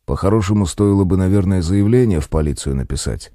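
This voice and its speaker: A man voicing a practical, worried man who talks in a low, quiet, reasoning way. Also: expressive, fast talker, no room sound, clean studio sound. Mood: thoughtful.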